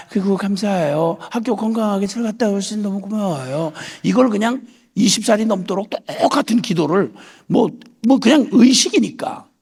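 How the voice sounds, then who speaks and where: A man's voice: high-pitched, creaky, husky. A middle-aged man preaching a sermon as a missionary, telling a story and acting out the voices in it. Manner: animated, acts out voices in quoted prayers.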